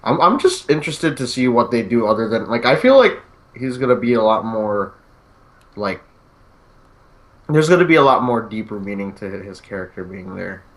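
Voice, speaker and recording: A man's voice: fairly low pitch, animated, moderate pace. A man casually chatting about a TV episode with friends, laughing often and trailing off mid-thought. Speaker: podcast co-host. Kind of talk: casual TV recap chat.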